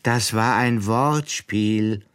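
Guy doing a pompous old card king, higher voice, slow and smug, easily offended, storybook reading. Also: very animated, heavily acted. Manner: self-satisfied, triumphant, easily offended.

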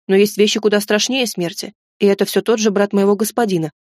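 A woman's voice: mid-range voice, fairly even intonation, fast, a little mellow, no room sound, studio quality, close to an everyday voice. A woman reading an audiobook, voicing a chatty, nervous male goblin servant who is undead and talks in a rambling, folksy way.

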